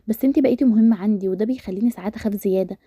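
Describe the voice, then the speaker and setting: A woman's voice: mid-range voice, rapid-fire, mellow, breathy edge, no echo, lightly acted. Lady reading as a jealous young egyptian guy in love, guarded and sincere, dry close sound. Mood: earnest. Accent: Egyptian Arabic.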